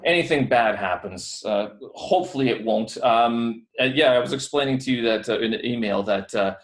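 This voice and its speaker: On a video call with headphones, a man from Canada hosts a podcast interview from a building away from home. His medium-pitched voice moves at normal speed as he chats casually, friendly and rambling, with many fillers.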